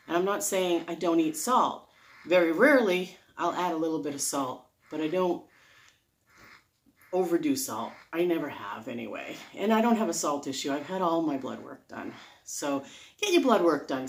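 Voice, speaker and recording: Rambling woman with a lowish voice. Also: slight background noise. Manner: rambling, drifts off on tangents; earnest, emphatic. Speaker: vlogger sharing diet advice. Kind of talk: casual unscripted explanatory monologue.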